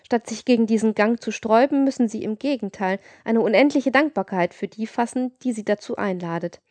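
A woman's voice: on the high side, a little fast, darkish tone, no echo, close to an everyday voice. Woman reading a sly rich lady around thirty in a storybook, silky and talking someone round, dry sound. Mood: persuasive. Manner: smooth, persuasive. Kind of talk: audiobook reading.

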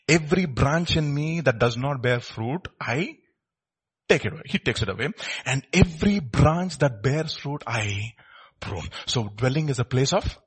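A man's voice: on the high side, pushed and bright, husky. A man with an Indian accent preaching informally, repeating short phrases and putting rhetorical questions to his listeners.

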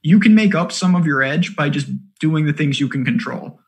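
A man co-hosting a fantasy basketball strategy show, talking casually in quick, animated bursts with lots of fillers. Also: a little high. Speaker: co-host of a fantasy sports show. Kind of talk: casual analytical chat.

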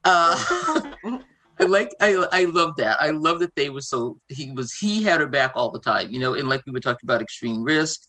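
A woman's voice: deep voice, expressive, moderate pace, sharp tone, low-quality recording. A woman with a Boston accent chatting casually and emphatically as a panelist in a fan discussion. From Boston, United States.

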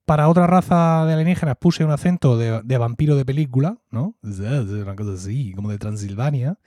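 Murcian man, warm mellow voice. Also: mid-range voice, a little fast, dry recording, studio quality. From Murcia, Spain. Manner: reflective, fond storytelling with frequent "¿no?" tags. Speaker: podcast co-host. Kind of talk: casual conversation.

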